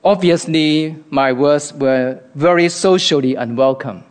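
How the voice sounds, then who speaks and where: Man, Hong Kong accent, slightly high voice, earnest, reflective devotional talk. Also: unhurried.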